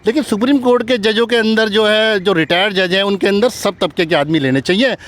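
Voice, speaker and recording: High-pitched man arguing hotly. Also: fairly bright tone. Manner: argumentative, rapid rhetorical questions. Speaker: debate participant. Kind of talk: heated political street debate.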